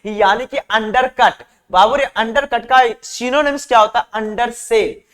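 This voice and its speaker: A man's voice: very high voice, measured pace. Male vocab tutor, chatty drill style, echoing hall sound. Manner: repetitive call-and-response drilling; warm and chatty with students. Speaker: vocabulary teacher. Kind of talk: exam-prep vocabulary lesson.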